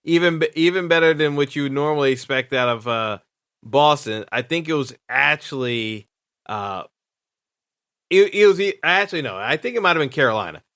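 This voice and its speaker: A man's voice: fairly high pitch, lively intonation, normal speed, a bit bright, dry recording, clean studio sound. A male podcast host giving solo sports commentary, thinking aloud with many fillers and restarts. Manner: hesitant, full of fillers and restarts.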